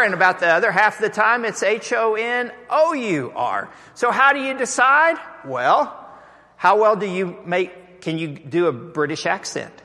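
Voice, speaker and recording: A man's voice: high voice, sharp tone. A man with a Texan accent preaching a sermon as pastor, emphatic and engaging his congregation, asking them to repeat lines after him. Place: church sanctuary. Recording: long reverb of a church hall.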